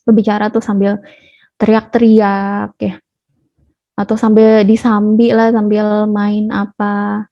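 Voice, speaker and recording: A woman's voice: medium pitch, monotone, takes it slowly, long pauses. A woman giving a casual online parenting class, chatty and now and then acting out a scolding parent. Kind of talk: casual online webinar talk. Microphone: video call. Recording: dull lo-fi webinar audio.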